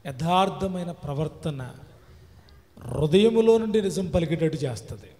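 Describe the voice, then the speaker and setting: A man's voice: on the high side, lively intonation, normal speed, dark tone. Preaching man with long echo. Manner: preaches with emphatic repeated questions to listeners. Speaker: pastor. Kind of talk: sermon. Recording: long reverb with faint music.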